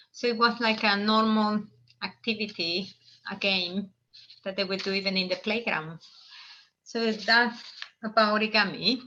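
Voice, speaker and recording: A Salvadoran woman hosts a live online origami lesson, explaining things in a friendly, rambling manner and often starting over. Her medium-pitched voice is bright and forceful, though the audio sounds dull.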